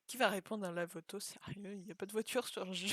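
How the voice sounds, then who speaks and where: A woman's voice: medium pitch, brisk, a bit bright, dry recording, studio quality. A young woman chatting casually as she plays and comments on a video game, thinking aloud and joking at herself. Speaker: gaming video creator.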